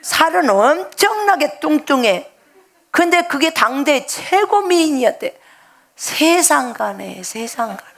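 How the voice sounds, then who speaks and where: Lively, joking woman missionary preaching. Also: sits high, slow, creaky. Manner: lively, joking, talks directly to the congregation; wide swings between loud emphatic lines and soft asides. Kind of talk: afternoon church sermon.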